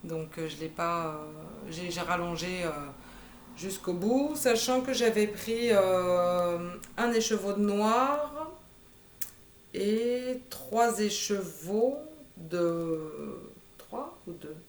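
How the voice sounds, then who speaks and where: Woman, 30s, slow unhurried knitting vlogger, halting delivery, roomy echo. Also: mid-range voice. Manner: hesitant, lots of "euh" fillers. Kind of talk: casual show-and-tell chat. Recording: echoey room.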